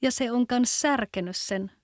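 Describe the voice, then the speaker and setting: A woman with a Kven accent voicing a small child bear in a storybook, with a small high voice. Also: dry recording, studio quality, close to an everyday voice. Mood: upset.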